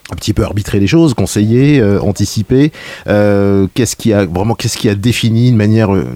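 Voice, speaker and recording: A man's voice: lowish voice, mellow, no echo. A man hosting a radio interview in a studio, asking long, hesitant, rambling questions. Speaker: radio host.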